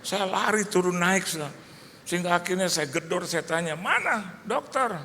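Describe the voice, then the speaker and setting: Animated gravelly preacher in a hall. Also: male voice, sits high, brisk, slight background noise. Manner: storytelling, animated, acts out dialogue. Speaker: pastor. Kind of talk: sermon. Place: large church hall. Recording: echoey church hall, faint ambience.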